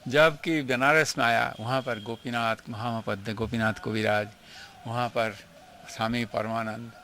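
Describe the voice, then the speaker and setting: A man's voice: mid-range voice, steady tone, unhurried, sharp tone, a little hiss or hum. An older man recalls his years with his guru in an interview, telling the story in an earnest, emotional way. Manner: emotional, earnest storytelling, mixing in English phrases. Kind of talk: reminiscing interview.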